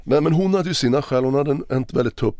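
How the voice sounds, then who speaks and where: A man speaking as a podcast guest, recounting a personal story in a halting, emotional way with many restarts. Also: mid-range voice, darkish tone, no echo, clean studio sound. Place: podcast recording session.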